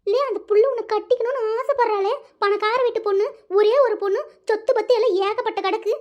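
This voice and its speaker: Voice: very high voice, fairly even intonation, quick pace, a little mellow, lo-fi sound. A performer voicing a domineering, money-minded middle-aged mother in a cartoon, scolding her son in a bossy, colloquial way. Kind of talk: cartoon voice acting.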